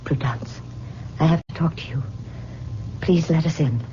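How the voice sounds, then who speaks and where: In a melodramatic old-time radio performance, an actress plays a frightened young fiancée tormented by a spell, pleading as she speaks. Her voice sits low and she takes her time. The recording is muffled and noisy, like an old radio broadcast.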